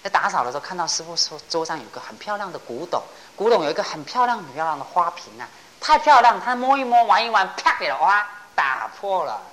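A woman giving a Buddhist dharma talk, animated and posing rhetorical questions. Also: lowish voice, fast talker, few pauses, rough recording. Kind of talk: sermon with storytelling.

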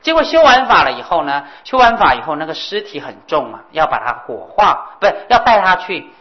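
A woman telling a Buddhist story in an animated way, with exclamations and sound effects. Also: sits low, fairly quick, muffled recording.

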